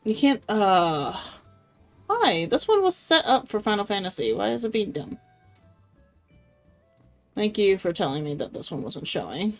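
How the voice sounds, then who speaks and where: Woman streamer, loose and chatty, average pitch, faint music underneath. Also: big pitch swings, a little slow, pauses often. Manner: chatty, laughing, swears freely. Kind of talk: casual game-stream chat.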